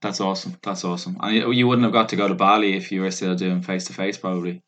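A man's voice: low voice, level tone, quick pace, a bit bright. A man interviewing a guest in a casual, informal conversational way, restating phrases as he goes. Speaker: interviewer, fitness coach.

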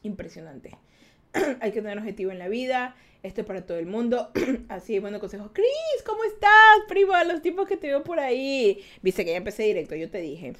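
A woman's voice: medium pitch, expressive, brisk, a little mellow. A woman, chatting casually as a streamer reading her live chat, teasing and laughing often. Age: 20s.

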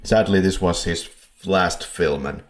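A man with a very low, deep voice co-hosts a casual movie podcast. He rambles through notes and chuckles when he trips over a name. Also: unhurried. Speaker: podcast co-host. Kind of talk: casual film podcast chat. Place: home setup in Poland.

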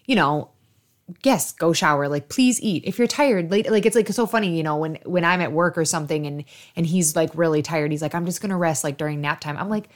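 Animated woman telling stories. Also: deep voice, a little fast. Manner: animated storytelling, lots of fillers and quotes. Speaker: podcast co-host. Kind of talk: casual chat.

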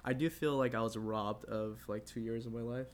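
A little hiss or hum runs beneath this casual podcast, where a co-host in his twenties rambles with plenty of fillers and frequent laughter. His voice is medium-pitched with fairly even intonation, and he talks at a normal speed.

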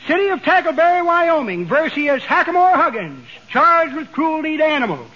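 Very high-voiced folksy Old Timer. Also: male voice, big pitch swings, moderate pace, sharp tone, full character voice. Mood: folksy, rambling. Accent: American. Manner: rustic, rambling storytelling drawl. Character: folksy, garrulous old-timer man telling tall tales. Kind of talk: 1940s radio comedy acting. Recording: dull, noisy 1940s radio recording.

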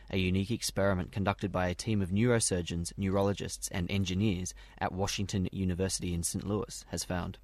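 A man with a fairly low voice reads prepared science news. The recording is dry, with hardly any room sound around him. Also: darkish tone, no room sound. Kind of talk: scripted news reading.

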